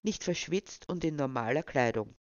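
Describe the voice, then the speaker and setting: A storyteller reading a short story aloud in an even, measured way. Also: medium pitch, no echo. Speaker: narrator. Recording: dull, dry recording.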